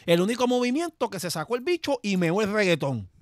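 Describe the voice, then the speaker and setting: Slangy Puerto Rican podcast host. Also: male voice, high-pitched, brisk, no room sound. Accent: Puerto Rican Spanish. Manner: slangy, animated and joking. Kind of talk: casual chat.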